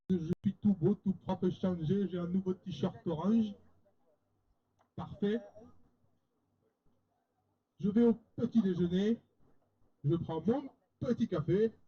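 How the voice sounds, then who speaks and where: A man's voice: high-pitched, slightly rough. A young man at a camp evening show telling a comic made-up daily routine in a put-on Marseille accent, playful and mock-boastful. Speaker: camp staff member playing a stage game. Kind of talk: improvised comic monologue. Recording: dull lo-fi sound.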